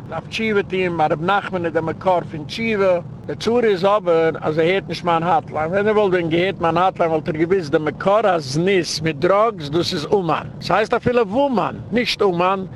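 A rabbi lecturing, telling stories in a digressive way and repeating words for emphasis. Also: male voice. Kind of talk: rambling spoken lecture. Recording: faint vehicle rumble behind.

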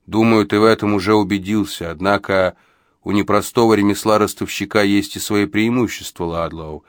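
A man voicing a grave, deliberate old master. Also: on the low side, fairly even intonation, no room sound, studio quality, close to an everyday voice. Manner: measured, deliberate, weighty. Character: grave older male master of a secret-keeping trade. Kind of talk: audiobook character reading.

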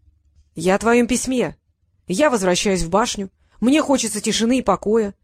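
A woman's voice: medium pitch, normal speed, breathy edge, no echo, clean studio sound, close to an everyday voice. A woman reading a weary, grumpy old wizard. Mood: exasperated. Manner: exasperated, sardonic. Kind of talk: audiobook reading.

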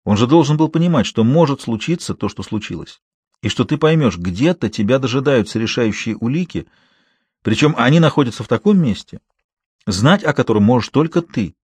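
A weary middle-aged detective, voiced by a male narrator asks careful, measured questions in this audiobook thriller. The voice stays plain and close to the narrator's own. The recording is dry, with no room sound. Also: medium pitch, lively intonation, a little mellow, breathy edge, dry recording. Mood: earnest, cautious.

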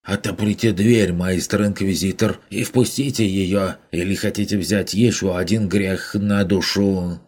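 A man voicing an indignant male merchant who blusters loudly in outrage. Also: low voice, fairly even intonation, a little slow, few pauses, husky, pitched above the performer's own voice. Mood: insistent. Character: indignant loud middle-aged male merchant. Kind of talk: audiobook character voice.

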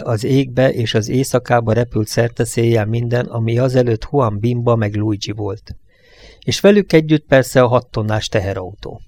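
Male audiobook narrator, measured and even, mid pitch, dry booth sound. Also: dry recording. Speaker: audiobook reader.

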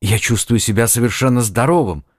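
A man's voice: on the low side, animated, normal speed, no echo, clean studio sound, natural voice. A man narrating an audiobook who voices an earnest young man of the sea, asking eager, wondering questions. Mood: amazed.

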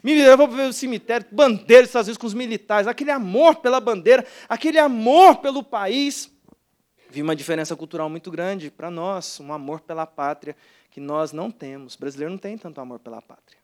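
A man's voice: sits high, fast talker. A man from Goiás, Brazil, with a Goiás accent, preaching a sermon as a pastor and telling stories with acted-out dialogue. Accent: Goiás Portuguese. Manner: animated storytelling with mimicked dialogue.

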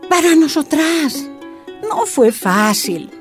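A frank, resolute Bolivian woman who leads a group of miners' wives speaks in a high voice that moves freely, though she takes her time with her words. The delivery is heavily acted, weary and reflective, in a radio drama with soft music underneath.

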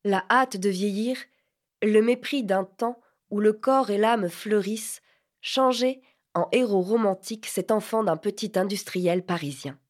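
A woman narrating a classic novel for an audiobook in a measured, even storytelling voice. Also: mid-range voice.

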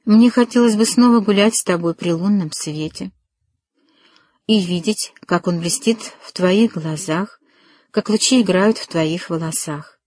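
A woman's voice: lowish voice, unhurried, darkish tone, no echo. Woman reading as ardent young male suitor, tender and resolute, audiobook, dry close sound. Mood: earnest.

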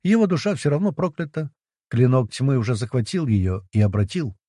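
A cocky nobleman plotting in a storybook, his voice pitched up and swinging lively, played by a male narrator. The tone is husky and dark, recorded dry. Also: fairly quick, dry recording. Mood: smug. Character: cocky scheming nobleman, male, middle-aged.

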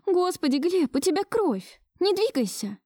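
A fussy young woman who scolds out of care, voiced by a woman reading a storybook. Her voice rides high and urgent, with a mellow tone in a dry room. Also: animated, moderate pace, no echo. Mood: fretful. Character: caring, fussy young woman, the hero's partner.

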